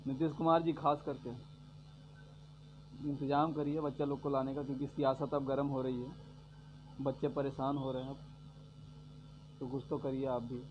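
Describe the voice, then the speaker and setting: A man's voice: mid-range voice, flat delivery, normal speed, pauses often. Sarcastic man ranting. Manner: sarcastic, repetitive, swings from loud to muttering. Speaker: vlogger giving political commentary. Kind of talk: sarcastic political rant. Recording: dull lo-fi audio with faint hum.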